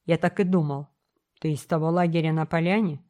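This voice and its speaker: A woman's voice: sits low, steady tone, a little fast, darkish tone, lightly acted. A woman voicing a stern older male gold digger who gives curt commands.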